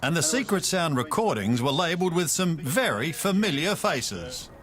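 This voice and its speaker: An older man narrating as a reporter in a wry, folksy manner with dramatic pauses. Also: a little high, sing-song, crowd noise. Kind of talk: scripted narration.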